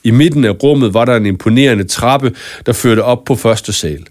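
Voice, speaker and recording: A man reading a children's story aloud in a calm, even narration. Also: mid-range voice, dry recording, clean studio sound. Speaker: audiobook narrator. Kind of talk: scripted narration.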